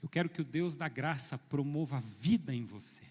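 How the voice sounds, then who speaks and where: A middle-aged male pastor preaching a sermon, telling stories and swinging from soft asides to loud, emphatic calls. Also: fairly high pitch, lively intonation, normal speed, husky, long reverb tail.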